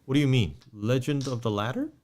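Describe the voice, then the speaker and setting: A man co-hosting a casual movie review podcast, reading viewer comments aloud in a halting way with frequent restarts. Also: mid-range voice, darkish tone. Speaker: podcast co-host.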